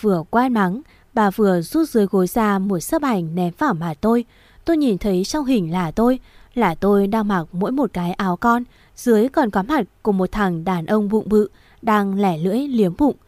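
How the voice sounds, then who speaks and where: A woman's voice: medium pitch, lively intonation, moderate pace, a little mellow, no echo. A woman narrating a first-person romance story aloud in an emotional, tearful manner.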